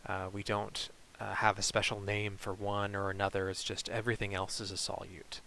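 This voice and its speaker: A man teaching chemistry in a recorded online lecture, explaining in a relaxed way with frequent fillers. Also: on the low side, moderate pace, creaky, a little hiss or hum, poor audio.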